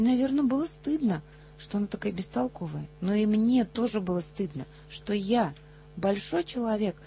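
A woman reading a children's story aloud with animated expression, acting out the dialogue. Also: mid-range voice, creaky, slight background noise.

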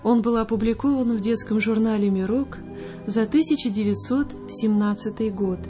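A woman radio host reading a story aloud in a calm, measured literary manner. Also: on the high side, over music.

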